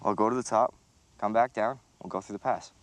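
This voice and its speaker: A man's voice: on the low side, fairly even intonation, fairly quick, a little hiss or hum. A young man on a mountain trek giving short, offhand replies outdoors. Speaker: host's son on the trek.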